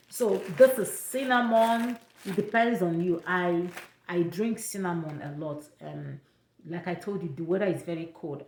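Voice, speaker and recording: A young Igbo-accented woman from Nigeria vlogs casual travel advice in a chatty way, repeating herself and mixing in some pidgin. Her fairly low, darkish voice carries a roomy sound.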